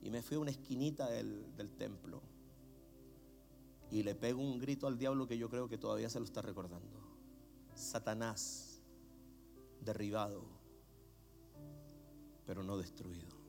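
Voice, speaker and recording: A middle-aged man with a Chilean Spanish accent, preaching a sermon as a pastor, swinging from low murmurs to shouts. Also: brisk, creaky, soft background music.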